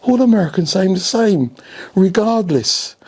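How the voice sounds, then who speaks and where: An older Englishman with a high, slightly rough voice speaks at an unhurried pace. He's a senior coach telling animated stories in an interview, often asking rhetorical questions and repeatedly checking that the listener agrees and follows along.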